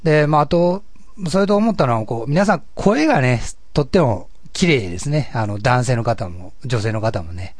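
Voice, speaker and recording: A man with a husky, gravelly voice, chatting casually and politely as a solo podcast host. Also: mid-range voice, animated, normal speed, a little mellow, no room sound. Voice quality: husky, gravelly voice, often taken for having a cold. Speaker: podcast host and amateur musician.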